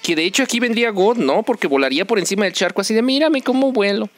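Young Mexican male streamer, teasing and excitable, high pitched, clear game music underneath. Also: rapid-fire. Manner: joking, excitable, teasing teammates. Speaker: gaming streamer. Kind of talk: casual gameplay commentary.

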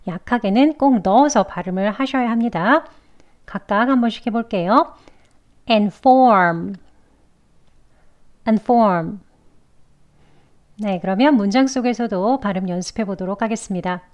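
A woman teaching English pronunciation, explaining mouth and tongue positions clearly and patiently, step by step. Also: medium pitch, brisk, a little mellow, highs cut off. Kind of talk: instructional lesson narration.

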